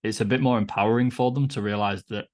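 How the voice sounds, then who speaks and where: A man's voice: lowish voice, fairly even intonation, quick pace, a little mellow. A man who coaches, hosting a podcast interview and asking long conversational questions. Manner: conversational, swears casually, asks long questions. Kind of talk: casual interview.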